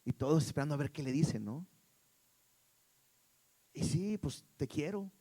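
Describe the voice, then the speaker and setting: This is a middle-aged man with a Mexican accent, preaching a sermon. His voice sits high. He talks in an animated way and gives the Bible characters their own voices as he tells the story. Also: measured pace, slightly rough.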